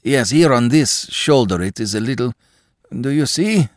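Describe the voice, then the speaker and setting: A man voicing a timid middle-aged male clerk who pleads in halting, broken phrases. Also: medium pitch, animated, dry recording, clean studio sound, voice pushed up, lightly acted. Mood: pleading, flustered.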